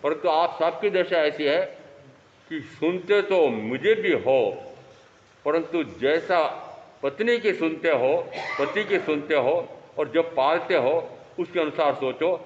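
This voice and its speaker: Animated male preacher in an echoey hall. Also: a little high, takes it slowly, a little hiss or hum. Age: 50s. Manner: animated, rhetorical questions to the audience. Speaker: Jain monk preacher. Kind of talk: sermon. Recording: echoey hall, dull lo-fi sound.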